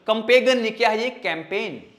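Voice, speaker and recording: A man teaching English vocabulary in an exam-prep lesson, joking with students and slowly sounding out spellings syllable by syllable. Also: sits high, expressive, a bit bright. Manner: playful, jokey, drags out spellings slowly syllable by syllable; calls students "bhai" and "beta".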